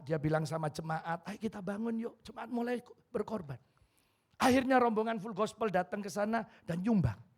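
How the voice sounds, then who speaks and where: A middle-aged pastor with an East Javanese accent delivers a lively, joking sermon in a church hall. His voice sits high and has a gravelly edge, and he jumps into animated voices for the people in his stories. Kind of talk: humorous sermon with acted dialogue.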